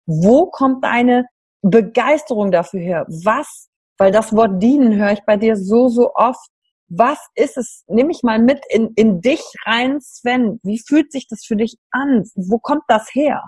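A woman's voice: a little high, measured pace, a little mellow, husky, dry recording. A woman hosting a conversation, reflecting and asking searching questions. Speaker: interview host. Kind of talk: conversational interview.

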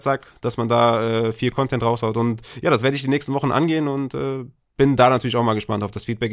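Casual, chatty man co-hosting a podcast. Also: mid-range voice. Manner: loose and colloquial, many fillers and restarts. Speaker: podcast co-host.

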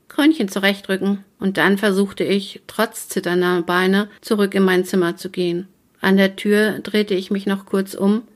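A woman narrating a romance novel in the first person, in a steady, even storytelling manner. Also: mid-range voice. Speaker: audiobook narrator.

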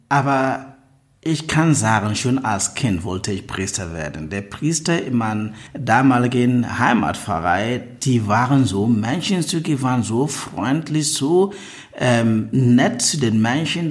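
A man, a priest in a religious order who talks about his faith thoughtfully and sometimes searches for words. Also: mid-range voice. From Ghana. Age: 50s. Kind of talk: personal interview.

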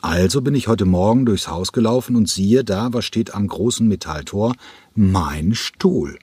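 An urgent, persuasive ballet director, voiced by a man reading an audiobook, pitched up a little from a low, husky reader's voice. He presses and insists, impatient to get his way. The dry, close recording has no room sound. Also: expressive, unhurried, a little mellow, no room sound. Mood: playful, explaining.

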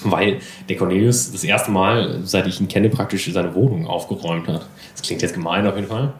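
A man's voice: low-pitched, fairly quick, roomy sound, a little hiss or hum. A man co-hosting a casual podcast chat, rambling and self-deprecating with many fillers. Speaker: podcast co-host. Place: apartment room.

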